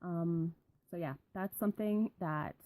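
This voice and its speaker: A woman's voice: lowish voice, unhurried, mellow, dry recording. A young adult woman rambling casually in a vlog, full of ums and likes. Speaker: vlogger.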